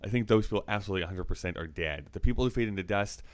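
A man with a very low, smooth and resonant voice, chatting casually about a movie. He talks earnestly and works through his thoughts, peppering them with "like." The tone stays conversational throughout. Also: racing. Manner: earnest, analytical, with many "like" fillers. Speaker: podcast co-host.

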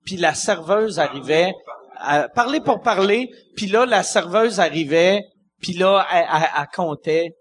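Animated Québécois man hosting. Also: high-pitched, moderate pace, a little hiss or hum. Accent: Québécois French. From Quebec. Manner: animated, rambling storyteller. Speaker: podcast host. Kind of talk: casual chat.

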